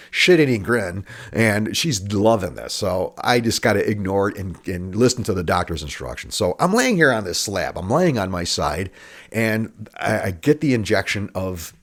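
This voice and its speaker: Man telling stories with very animated pitch. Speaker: storyteller, former police officer. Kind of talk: comedic personal storytelling monologue.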